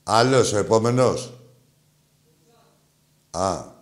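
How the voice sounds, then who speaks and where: A man hosting a call-in show, joking crudely with callers, swinging between loud mocking outbursts and low mutters. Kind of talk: crude casual call-in banter.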